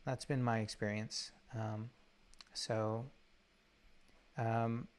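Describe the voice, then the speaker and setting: Halting man leading a guided meditation. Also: lowish voice, little pitch movement, darkish tone. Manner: halting, many fillers and restarts. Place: undisclosed spot while traveling. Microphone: laptop or phone mic.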